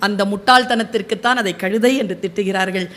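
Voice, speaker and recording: A woman voicing a stern male lion king who judges a quarrel, speaking slowly and gravely. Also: mid-range voice, a bit bright, voice pushed down, close to an everyday voice.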